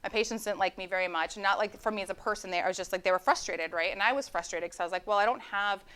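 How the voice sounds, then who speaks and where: Young woman physician, smooth voice, fast earnest storytelling. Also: mid-range voice, a bit bright. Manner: earnest storytelling, acts out quoted remarks. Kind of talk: live-stream talk.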